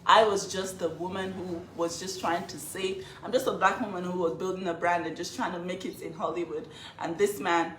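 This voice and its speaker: A woman's voice: fairly low pitch, fairly even intonation, moderate pace, few pauses, fairly bright tone, a little hiss or hum. A woman telling her own story in a confessional vlog, earnest, emotional and emphatic. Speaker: vlogger telling her side of a breakup. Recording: echoey room.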